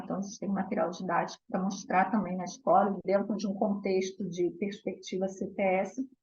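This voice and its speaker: Brazilian woman lecturing over dull video-call audio. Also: medium pitch. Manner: fast, warm, with repeated restarts. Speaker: guest lecturer. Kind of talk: academic seminar talk.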